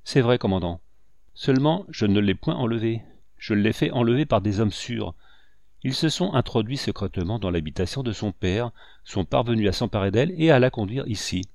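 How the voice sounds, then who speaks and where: Brief: male reader doing a contrite captain begging forgiveness, fairly low voice, dry close sound. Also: animated, normal speed, creaky, darkish tone, dry recording. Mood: pleading, contrite. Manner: humble, pleading, contrite. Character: devoted, remorseful male captain, humble and pleading.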